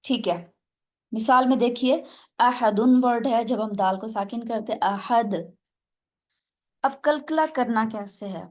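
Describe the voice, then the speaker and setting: A woman teaching tajweed in an online class, explaining step by step and asking her students questions. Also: on the high side. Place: online video call class.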